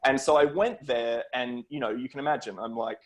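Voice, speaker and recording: Speaking briskly in a mid-range voice with fairly even intonation, this middle-aged guest film producer has an Australian accent. He chats in a storytelling style over a video call.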